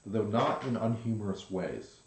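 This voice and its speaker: A game master narrating a tabletop game in a chatty, animated way. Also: mid-range voice, moderate pace, slight background noise. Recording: roomy echo.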